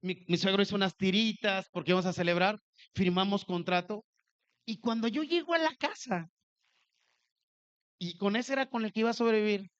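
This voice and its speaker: A man preaching a sermon, telling a personal story with animated delivery and acting out the dialogue. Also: sits high, a little fast, long pauses, clean tone, highs cut off.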